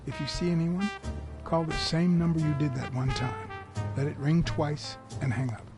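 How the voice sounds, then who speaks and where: An actor playing a wry, hard-boiled animal private detective in a noir game, his voice gravelly. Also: fairly high pitch, moderate pace, lightly acted. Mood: terse, instructing. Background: game music.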